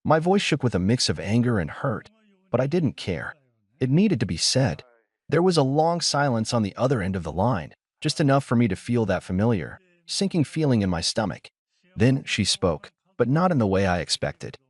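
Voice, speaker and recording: A man's voice: mid-range voice, big pitch swings, moderate pace, husky, no room sound. A man reading a dramatic first-person story aloud as a scripted narration.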